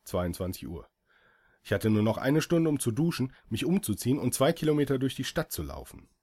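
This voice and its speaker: A man's voice: medium pitch, big pitch swings, a little fast, dark tone. A man reading a first-person story aloud as an audiobook, with dry, ironic delivery. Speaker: audiobook reader.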